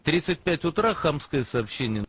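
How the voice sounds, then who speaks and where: A man with a high, raspy voice makes a confrontational phone call. He questions and accuses sternly, his pitch moving widely. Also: big pitch swings, moderate pace, a bit bright, no echo.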